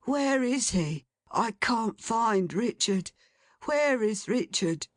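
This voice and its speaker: A bewildered, grief-struck old man, put on by a woman reading aloud, his voice lifted and plaintive as he pleads. He speaks very slowly, close and dry. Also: a little high, expressive, dry recording, pitched above the performer's own voice. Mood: pleading. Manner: lost, pleading.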